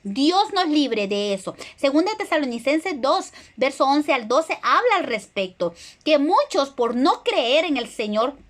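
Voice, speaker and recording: A woman's voice: high-pitched, big pitch swings, a little slow. A middle-aged woman preacher delivering an earnest sermon, retelling scripture and acting out the quoted voices.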